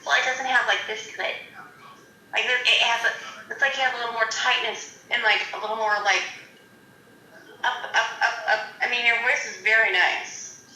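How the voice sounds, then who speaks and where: Woman, teasing and blunt, very bright sharp voice, slightly high, echoey room. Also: steady tone, moderate pace, a little hiss or hum. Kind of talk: casual chat.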